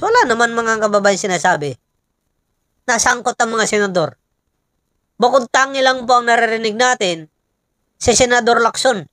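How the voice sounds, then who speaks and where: A Filipino woman with a high-pitched, fairly bright voice gives informal political commentary, pausing a lot and emphatically posing rhetorical questions to listeners. The sound is clean, studio-quality, and free of echo.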